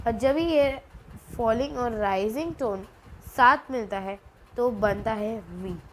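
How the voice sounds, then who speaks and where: Speaking slowly in a fairly high voice, a woman gives a relaxed spoken Chinese lesson, using bits of English and saying syllables again as examples while she explains with patience. The audio is poor and carries a faint hiss of background noise.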